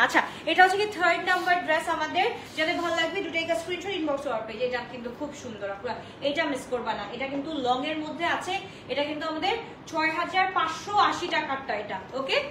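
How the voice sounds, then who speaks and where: Fast, high-voiced woman selling dresses live. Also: reverberant, slight background noise, rough recording. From Bangladesh. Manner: chatty, mixes English into Bengali, addresses viewers as apu; talks loudly on purpose. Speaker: online dress seller. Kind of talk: live-stream sales pitch, reading viewer comments. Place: indoors, home.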